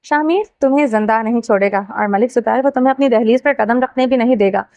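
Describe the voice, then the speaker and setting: Woman reading middle-aged father, scolding, pleading, fearful, higher voice, dry. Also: a little mellow, no echo, lo-fi sound, close to an everyday voice.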